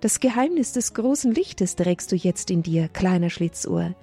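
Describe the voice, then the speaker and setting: A woman voicing a wise, glowing sun crystal in a storybook reading, speaking softly and solemnly. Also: fairly low pitch, expressive, normal speed, slightly rough, faint music behind.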